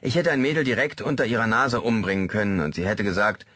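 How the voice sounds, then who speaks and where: A man's voice: on the low side, fast, a bit bright, no room sound. A man voicing a male convict who stutters. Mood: complaining.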